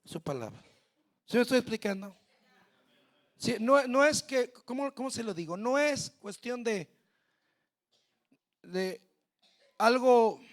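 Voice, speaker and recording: A male pastor with a Mexican Spanish accent preaching a sermon, speaking straight to the congregation and building to shouted peaks. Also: high-pitched. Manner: preaching with shouted climaxes and direct address to the congregation.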